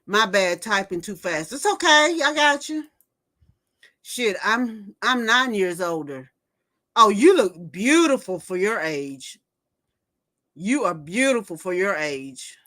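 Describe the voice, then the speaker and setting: Big swings in pitch mark this woman's medium voice, which is slow, pushed, and bright. In her fifties, she runs a casual livestream where she gossips and reads viewer comments out loud, then reacts.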